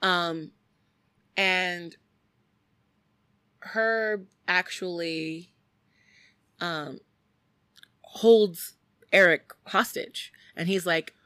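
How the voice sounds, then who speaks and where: Woman, podcast co-host, casual true-crime storytelling, bright clear tone, dry close sound. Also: lowish voice, drawn-out words, pauses often, dry recording. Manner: animated, acts out quoted people, frequent "like".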